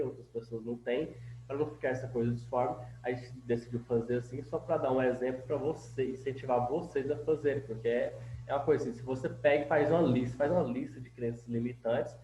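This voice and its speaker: Homem calmo explicando, som abafado e com eco. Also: male voice, mid-range voice. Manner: calm, repetitive, often ends phrases with "né?". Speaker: therapist leading a group session. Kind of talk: instructional talk, demonstrating a tapping technique. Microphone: phone. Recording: lo-fi, roomy, faint noise, recorded on phone.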